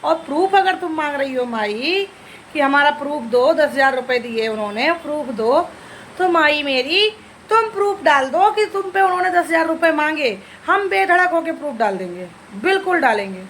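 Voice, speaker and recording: A woman's voice: high voice, lively intonation, normal speed, fairly bright tone, a little hiss or hum. A woman vlogger, scolding and taunting an older woman in a reply video.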